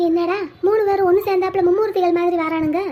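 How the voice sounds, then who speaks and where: A woman voicing a bossy, sharp-tongued young daughter-in-law who scolds briskly. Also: very high voice, steady tone, muffled recording. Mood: coaxing.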